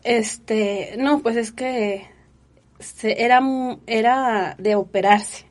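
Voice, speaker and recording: A woman, telling her personal story in an interview with earnest, animated feeling and many fillers. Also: a little high, drawn-out words. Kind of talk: emotional personal testimony.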